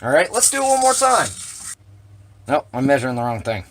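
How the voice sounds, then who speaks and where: A man's voice: medium pitch, big pitch swings, brisk, fairly bright tone, slight background noise. A man walking through a hands-on equipment demonstration, talking plainly with dry sarcastic asides. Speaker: shotgun reloading demonstrator.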